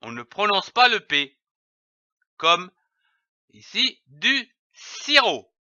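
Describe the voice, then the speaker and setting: Slow, bright-voiced man spelling out syllables. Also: high-pitched, sing-song, no echo, lo-fi sound. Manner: spells each syllable letter by letter, then says it. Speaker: reading teacher. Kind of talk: slow, spelled-out reading lesson for young children.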